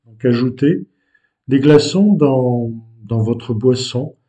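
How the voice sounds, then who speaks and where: Explaining words to learners, a male language teacher takes an unhurried, deliberate pace and stays patient throughout. He has a dark, mellow, mid-range voice and often hesitates or pauses between phrases.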